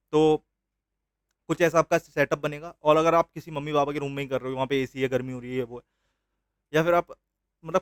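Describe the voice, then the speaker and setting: A man's voice: on the high side, no echo. Encouraging male trading instructor, dry sound. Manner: informal and encouraging, mixing English phrases into his Hindi. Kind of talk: casual motivational lesson.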